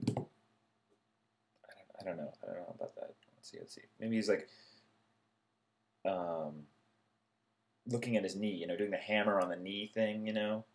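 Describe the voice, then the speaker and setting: A man giving casual spoken feedback on a friend's ideas, rambling and hesitant with many fillers, briefly acting out short bits. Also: sits low. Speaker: peer reviewer giving feedback.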